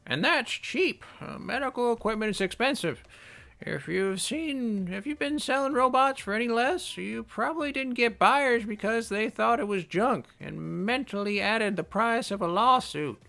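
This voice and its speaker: A man voicing an elderly female executive with a drawn-out, cheeky old hag manner while acting out a text game. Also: extremely high pitch, expressive, gravelly, bright, forceful tone, voice pushed up, full character voice. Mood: blunt, knowing. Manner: drawn-out, put-on old lady voice.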